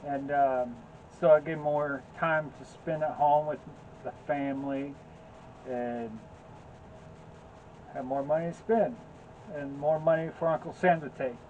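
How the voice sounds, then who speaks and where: A man's voice: on the high side, fairly even intonation, unhurried, long pauses, slight background noise. Easygoing man on a tinny line. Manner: laid-back, joking, rambling. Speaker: co-host. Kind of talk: casual chat.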